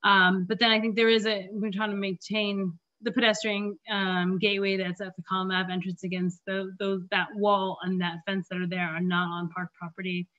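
Woman planner, strained voice going, halting delivery with throat clearing, lo-fi call audio. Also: mid-range voice, little pitch movement, fairly bright tone. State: losing her voice. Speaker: park planner presenting at a community meeting. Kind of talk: presentation over slides. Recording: dull lo-fi meeting audio.

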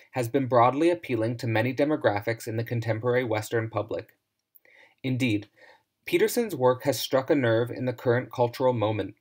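A man narrating a scripted philosophy lecture in a measured, formal reading voice. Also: medium pitch.

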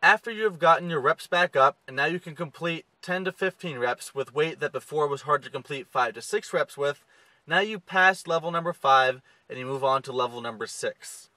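A man in his twenties giving steady, step-by-step fitness instructions to the camera from inside a car. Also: on the high side, normal speed, no echo, rough recording. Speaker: fitness coach. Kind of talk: direct-to-camera fitness tips. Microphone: camera close to the face.

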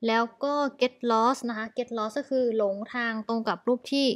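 A woman with a Thai accent, teaching English vocabulary online, explaining in Thai and mixing in English words with many soft particles. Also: fairly high pitch, fairly even intonation, measured pace.

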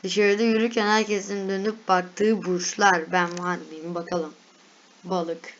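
A woman's voice: lowish voice, flat delivery, unhurried. Chatty young woman, lo-fi sound. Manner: chatty, reads lists aloud, laughs at herself. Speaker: vlogger. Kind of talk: casual reaction chat.

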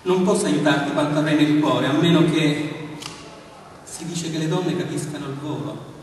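A man voicing a gentle middle-aged miller earnestly asking a woman to marry him. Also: on the high side, normal speed, close to an everyday voice. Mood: pleading. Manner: earnest, pleading. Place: large hall of a villa's lemon house. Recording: echoey hall, far from mic.

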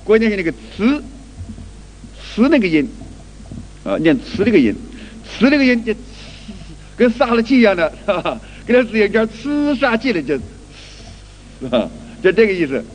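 A high-pitched, very animated qigong teacher lectures at a normal speed, pausing often as he acts out everyday scenes and repeats and restarts phrases. There's slight background noise, and long hall reverb.

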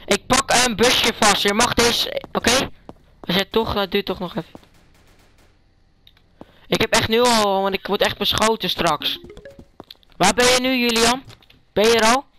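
A male vlogger giving live gaming commentary, making urgent, hurried calls to a teammate. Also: high-pitched, background noise.

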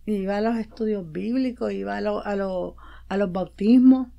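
A woman who works as a promoter and publicist appears as a guest in a radio studio, chatting casually. Her mid-range voice is gravelly and warm at a moderate pace, and she tells a personal story with feeling, acting out the dialogue she quotes. The sound is lo-fi.

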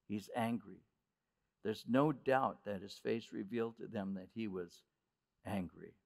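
Gravelly-voiced male pastor preaching. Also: mid-range voice, darkish tone. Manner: conversational preaching with repeated restarts. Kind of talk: sermon.

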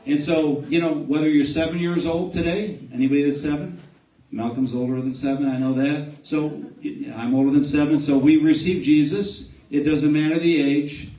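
Exhorting pastor in an echoey church. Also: male voice, fairly high pitch. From Buffalo, New York area, US. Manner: repeats amen, restarts phrases, exhorting. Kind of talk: sermon with altar call. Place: church sanctuary. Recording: echoey church room, distant mic, soft music.

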